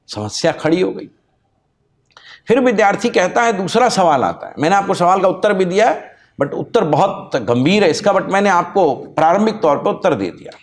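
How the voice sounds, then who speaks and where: Male law teacher, kinda high voice, hammers points home and repeats stuff. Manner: emphatic, repeats key points, spells out words letter by letter. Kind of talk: lecture and channel introduction.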